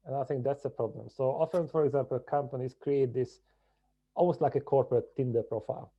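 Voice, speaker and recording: A man from Hungary, a podcast guest telling his story in a measured, reflective way. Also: mid-range voice, steady tone, mellow, muffled recording. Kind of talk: podcast interview.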